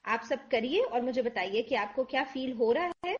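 A woman gives an online tajweed lesson in Urdu with English words mixed in, explaining patiently and pronouncing the letter sounds aloud. Her voice is a little high with lively intonation, though the audio is dull.

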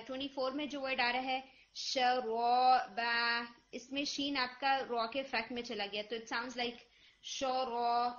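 A woman teaching Quran recitation online, gently correcting a student's pronunciation and modeling the sounds slowly. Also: fairly high pitch. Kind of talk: online tajweed feedback. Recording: lo-fi online call audio.

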